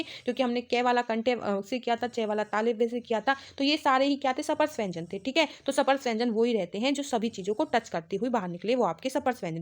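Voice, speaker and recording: A young woman teaches an exam-prep lesson in a fairly high voice. She explains patiently, repeating each point and checking in with her students every few words. When she reaches the letters, she spells them out slowly, one by one. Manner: repeats "ठीक है" and "भाई" as constant checks.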